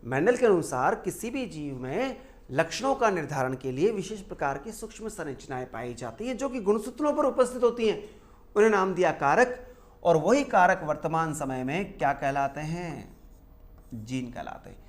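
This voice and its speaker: A male teacher giving a classroom lecture. He asks the class questions and answers them himself, and he repeats key terms slowly. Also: on the high side, expressive.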